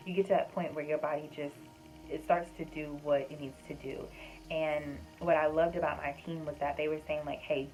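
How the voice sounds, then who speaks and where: A woman's voice: low voice, darkish tone, low-quality recording. A young woman casually recounting a personal story to her viewers, chatty, with frequent fillers and addressing them as "y'all". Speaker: vlogger sharing her birth story.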